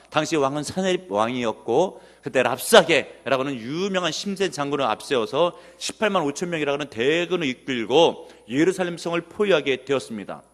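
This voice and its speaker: Korean pastor preaching, lively and booming. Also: male voice, big-room sound. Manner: rising to loud emphatic declarations. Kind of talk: sermon. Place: church sanctuary.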